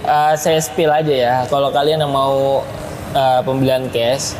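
A man giving a slick, agreeable, informal sales pitch. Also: level tone, measured pace, a little mellow. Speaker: car salesman. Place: large indoor car showroom. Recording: noisy showroom ambience.

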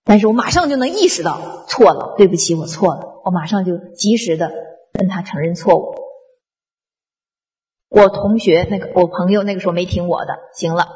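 A woman addresses an audience. She tells personal stories in a colloquial, animated way, acting out dialogue and often restarting her sentences. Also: lowish voice, normal speed. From northeast China. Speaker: public speaker on traditional culture. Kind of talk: storytelling talk to an audience.

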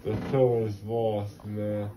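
A man's voice: on the low side, level tone, slow, mellow. A young man with a mouth full of gauze after wisdom teeth surgery, rambling in a groggy, slurred way at a dental office. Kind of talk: rambling, loopy chatter.

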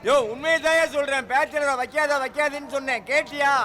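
A jealous, indignant landlord in a film comedy, shouting and wailing in a very high voice. Loud music runs behind the soundtrack. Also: male voice, steady tone, a little fast. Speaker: angry house owner. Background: background music.

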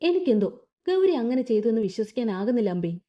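A woman voicing a hurt, gentle middle-aged father who speaks with sorrow, in a storybook reading. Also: fairly high pitch, sing-song, quick pace, lo-fi sound. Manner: sorrowful questioning.

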